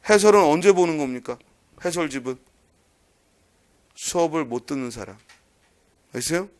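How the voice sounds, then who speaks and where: A man with a fairly high voice gives an online exam-prep lecture. He is a middle-aged teacher who quizzes his students aloud and counts letters off one by one. His manner is brisk and scolding, with a teasing edge. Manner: drills by counting letters out loud.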